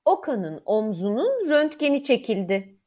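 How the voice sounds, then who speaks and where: A woman teacher reading a story aloud to young children, clear, expressive and deliberate. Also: on the high side. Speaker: primary school teacher.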